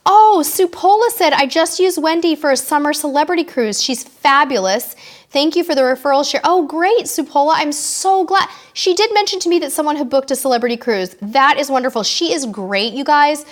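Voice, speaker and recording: A woman in her forties with a high, bright-pitched voice hosts a live stream, chatting casually with viewers. She reads their comments aloud and answers each one, bubbly and full of quick asides. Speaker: host of a live cruise Q&A.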